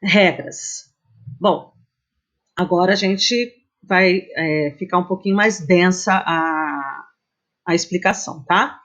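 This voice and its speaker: A woman's voice: fairly low pitch, takes it slowly, fairly bright tone. A woman teacher, giving a slide-based grammar lesson in a patient, explaining manner and often checking in with her students. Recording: dull, muffled lo-fi recording.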